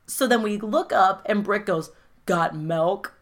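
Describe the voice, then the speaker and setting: A woman in casual chat, recapping a film with profane, animated storytelling and frequent laughter. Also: medium pitch, normal speed, background noise. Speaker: podcast co-host recapping a film.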